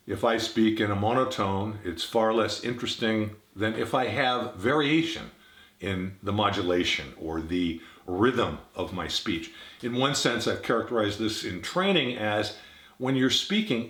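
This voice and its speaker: Male communication trainer, low voice with lively pitch swings, roomy echo. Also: a little slow. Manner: demonstrates contrasting tones of voice. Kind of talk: instructional talk to camera.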